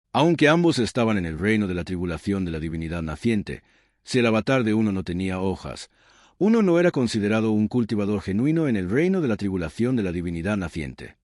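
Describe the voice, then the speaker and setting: In a low, darkish voice that rises and falls a lot, a man narrates a scripted story recap. His delivery is measured and dramatic, and the recording is dry and close to the mic.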